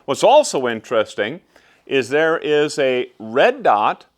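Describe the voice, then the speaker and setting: A man hosting an explanatory vlog, talking in a measured, conversational way. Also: mid-range voice, big pitch swings. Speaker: host explaining shooting gear tests.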